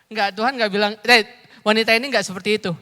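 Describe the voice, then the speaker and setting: A high, sharp voice with a steady tone and fast delivery belongs to a thirty-something man preaching as an evangelist. Chatty and joking, he fires questions at the congregation in a lively sermon, recorded with the live reverb of the church sanctuary mid-service.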